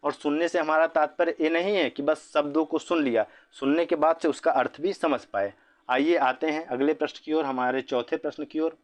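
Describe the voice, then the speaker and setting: A man's voice: on the high side, fairly even intonation, normal speed. A man teaching an exam-prep lesson on language teaching, explaining each answer option and often checking in with "ठीक है". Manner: explanatory, repeats points with "ठीक है".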